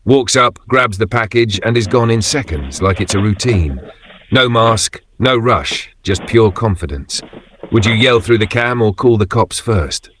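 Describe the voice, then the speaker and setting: A man's voice: fairly low pitch, animated, unhurried, fairly bright tone, a little hiss or hum. A man narrating video clips in a casual scripted commentary style, with slangy, wry wording and short punchy phrases.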